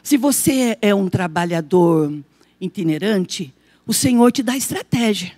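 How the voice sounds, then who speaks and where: A woman's voice: medium pitch, lively intonation, unhurried, warm tone. A woman pastor with a Brazilian Portuguese accent, preaching a church sermon, telling funny stories and laughing often. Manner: humorous storytelling, laughing often. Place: church service.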